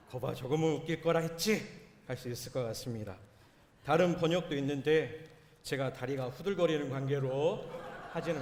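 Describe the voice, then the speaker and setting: A man's voice: mid-range voice, a little mellow, slight background noise. A male pastor preaching a sermon in a church, earnest and with self-deprecating humor. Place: church sanctuary. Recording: echoey church hall.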